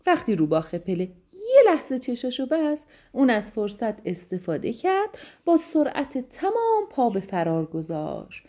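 A woman narrating a children's bedtime story, gentle and affectionate, speaking tenderly to the children. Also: fairly high pitch, huge pitch swings.

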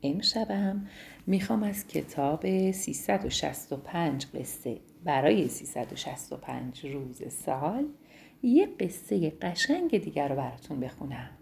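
Gentle woman reading a bedtime story. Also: deep voice, animated, gravelly, a little hiss or hum. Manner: affectionate, gentle.

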